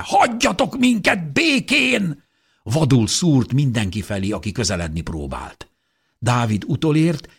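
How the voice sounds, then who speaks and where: A man reading an audiobook aloud in a dramatic, expressive scripted narration. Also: on the low side, slightly rough.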